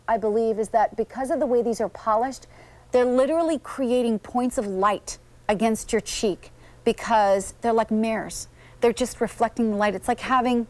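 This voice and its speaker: Chatty woman selling on TV. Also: fairly high pitch. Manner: chatty, enthusiastic, digressive. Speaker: shopping channel host. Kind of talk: live TV sales pitch.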